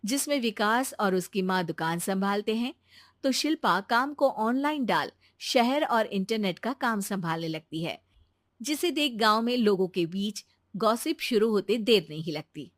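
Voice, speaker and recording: A woman's voice: medium pitch, lively intonation, measured pace, no room sound, studio quality. A woman narrating a scripted cartoon family story.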